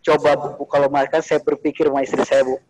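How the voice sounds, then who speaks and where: A man's voice: on the high side, level tone, fast, a little mellow, low-quality recording. Chatty man teaching a religious group. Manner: chatty, repeats "Bu" often, asks listeners questions. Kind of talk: informal religious talk to a group.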